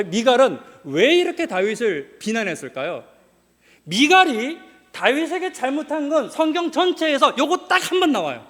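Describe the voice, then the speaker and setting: A man preaching a sermon in a church hall, lively and full of questions and jokes for the congregation. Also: high-pitched. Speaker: pastor.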